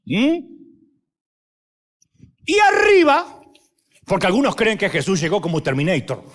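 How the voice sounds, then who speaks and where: A middle-aged Argentine pastor preaches with a high, restless voice that swoops wildly up and down. He tells his stories theatrically, acting out little voices with jokes along the way. It sounds like a sermon delivered from a large church stage. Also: huge pitch swings, unhurried. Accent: Argentine Spanish. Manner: theatrical storytelling with acted voices and humor.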